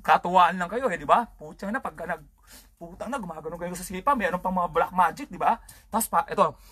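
A man's voice: high-pitched, fast, pushed and bright, breathy edge. A man hosting his own comedy show, telling rambling, crude, swear-filled stories about childhood in a casual stand-up style. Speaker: comedian host.

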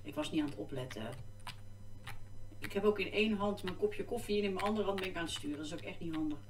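This gaming vlogger's voice is on the low side and fast, heard through a distant desk microphone positioned off to the side in an echoey room, with a little hiss or hum. She chats casually and exclaims as she plays, easily distracted.

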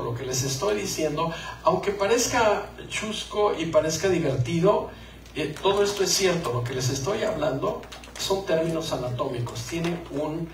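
A man's voice: on the high side, reverberant, distant mic, a little hiss or hum, poor audio. A man gives a joking live talk to couples about marriage and acts out little scenes. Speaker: conference speaker on marriage.

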